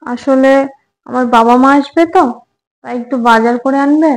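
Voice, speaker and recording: A woman acting a nervous young wife in a comic home drama who keeps soothing her hot-tempered husband. Her voice sits high, coaxing and apologetic. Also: moderate pace, low-quality recording. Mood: placating. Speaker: short-drama actress.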